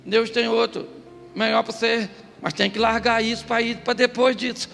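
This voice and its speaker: A middle-aged Brazilian pastor giving a comic sermon in a church, bursting into shouts and acting out voices. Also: male voice, extremely high pitch, little pitch movement, moderate pace, vocal fry, in a large hall, faint music behind. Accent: Brazilian Portuguese. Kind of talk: humorous Pentecostal sermon. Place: church hall.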